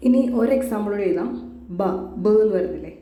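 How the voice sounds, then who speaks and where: A woman's voice: mid-range voice, lively intonation, brisk, vocal fry, warm tone, roomy sound. A woman teaching a language lesson step by step, patiently repeating syllables one at a time.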